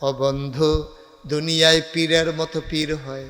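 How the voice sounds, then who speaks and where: A man's voice: a little high, little pitch movement, unhurried, a bit bright, long reverb tail, faint music behind. A man from Bangladesh preaching a waz sermon. He banters with the crowd and moves into sung, chanted phrases that call for responses. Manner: breaks into sung, chanted delivery and rouses the crowd to call back; banters with the audience and gives directions to the crowd. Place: large night gathering.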